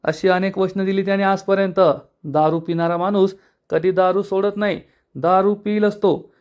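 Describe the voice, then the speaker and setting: A man voicing a boastful, scheming middle-aged uncle who drinks, speaking slowly. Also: sits high, fairly even intonation, clear, resonant tone, dull audio, natural voice.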